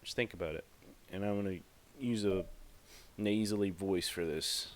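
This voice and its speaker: A podcast host delivers a casual monologue, rambling and emphatic and full of fillers. His voice sits low and he speaks at a normal speed.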